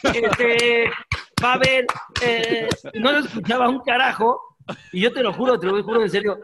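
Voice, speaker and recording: High-voiced ex-footballer telling stories. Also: male voice, fairly even intonation, unhurried, heavy background noise. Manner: jokey, laughs while telling, imitates teammates. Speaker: guest, former footballer. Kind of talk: casual storytelling, anecdotes.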